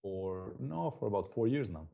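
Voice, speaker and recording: A man's voice: lowish voice, expressive, moderate pace, creaky, mellow, lo-fi sound. A middle-aged man from Slovenia with a Slovenian accent, chatting casually as an interview guest. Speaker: interview guest, software developer.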